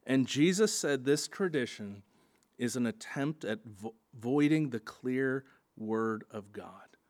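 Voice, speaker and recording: A man preaching a sermon in an earnest teaching tone, often starting with "and so" and pausing on "uh". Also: mid-range voice, expressive. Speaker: pastor.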